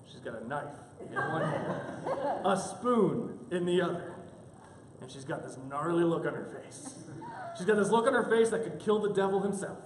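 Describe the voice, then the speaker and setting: A man with a slightly high voice preaches a sermon as a pastor in a church sanctuary, animatedly acting out the characters of his story in quoted asides. The hall echoes, and a little hiss or hum runs through the recording.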